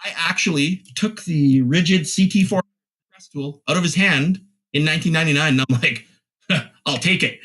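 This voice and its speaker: A man in his forties, a plumbing contractor, telling animated stories on a podcast and acting out both sides of each conversation. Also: a little high, moderate pace. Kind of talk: casual podcast chat.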